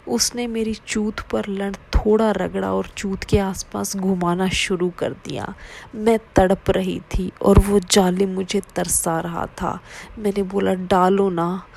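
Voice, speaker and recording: A woman reading a first-person story aloud in a steady, low-key way. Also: takes it slowly, creaky, a little hiss or hum. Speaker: narrator.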